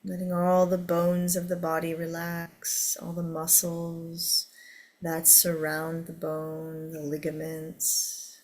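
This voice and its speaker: Slow, low-pitched woman guiding meditation. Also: completely flat delivery. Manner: soothing, gentle instruction. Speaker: meditation teacher. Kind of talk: guided meditation for a seated group.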